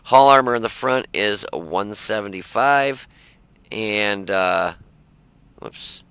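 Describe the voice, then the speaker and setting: A man's voice: on the low side, slow, sharp tone, smooth, no room sound, rough recording. A man casually commenting on his own tank gameplay, rambling and folksy with many fillers, sounding tired. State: tired, yawning. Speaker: game reviewer.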